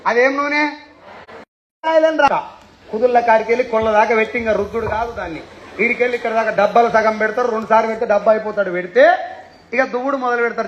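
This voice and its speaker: High, bright-voiced Telangana man teasing a crowd. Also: lo-fi sound. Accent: Telangana Telugu. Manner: teasing, fires rhetorical questions at listeners. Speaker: motivational speaker addressing an audience. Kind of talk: lively seminar talk.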